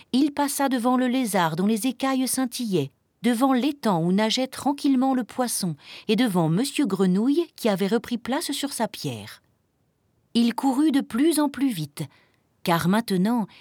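Woman storyteller, children's book reading, very lively melody, dry close sound. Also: on the high side, no echo. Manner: expressive, gentle storybook reading.

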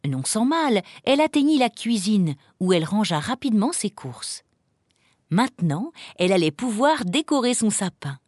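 A woman reading a children's storybook aloud in an expressive, lively manner. Her pitch moves a great deal from line to line, while her voice stays at a middle height. The recording is dry and close, with no room sound. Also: moderate pace, no room sound.

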